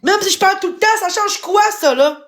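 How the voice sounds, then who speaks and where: Very high-voiced hoarse Québécois woman. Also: a little fast, a bit bright. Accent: Québécois French. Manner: agitated, pleading, repetitive. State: hoarse, voice worn out. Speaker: livestreamer. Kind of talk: emotional live-stream venting.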